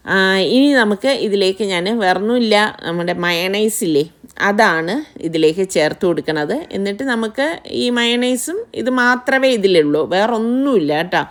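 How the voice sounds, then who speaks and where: A middle-aged woman hosting a home cooking vlog, talking viewers through each step in a chatty, explaining way. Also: lowish voice. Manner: chatty, explains step by step, keeps adding tag questions. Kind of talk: casual home cooking chat.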